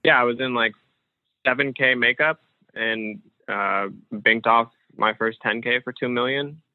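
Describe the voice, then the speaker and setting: A man's voice: mid-range voice, unhurried, dry recording. A man, a guest on an interview, talking casually and thinking aloud with many fillers and restarts over a remote call. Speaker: guest, professional poker player. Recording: dry, phone-like remote call audio.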